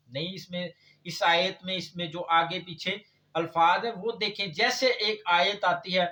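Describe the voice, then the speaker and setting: A male preacher delivers a religious lecture with a high, sharp-edged voice. He argues point by point, firing rhetorical questions and reciting verses. He sits some way from the microphone. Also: recorded from a distance. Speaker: Islamic preacher.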